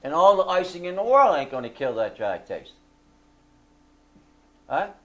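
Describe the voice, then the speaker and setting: A man leading a fellowship group, telling a story in a casual, animated way and asking the listeners for agreement. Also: high-pitched, measured pace, highs cut off.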